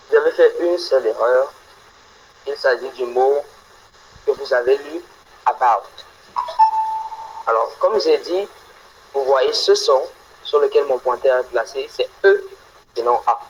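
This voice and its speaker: A man teaching English phonetics in an online class, slowly and repeating example words deliberately. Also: medium pitch, slight background noise, poor audio. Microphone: video call.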